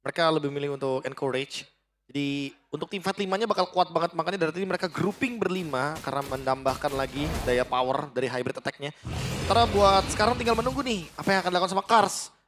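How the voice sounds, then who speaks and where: A man's voice: a little high, animated, quick pace, noisy background. A man with an Indonesian accent giving analytical live commentary on an esports match. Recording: music behind the voice. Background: music.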